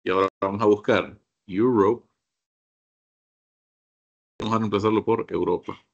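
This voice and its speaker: A man's voice: fairly low pitch, steady tone, moderate pace, gravelly, muffled recording. A man teaching a computer course, walking his class through each step and often asking them to look. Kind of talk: screen-share software lesson.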